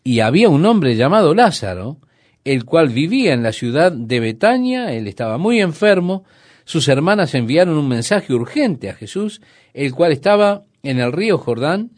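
A man preaching a sermon. He retells a Bible story in a conversational way, asks the listeners rhetorical questions and slows down to stress key sayings. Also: fairly high pitch, sing-song, no room sound, clean studio sound.

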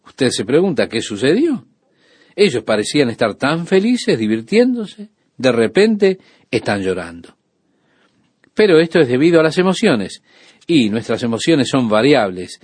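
A man giving a radio sermon, preaching calmly and measuredly with frequent pauses. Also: mid-range voice, husky, no room sound. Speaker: radio Bible teacher.

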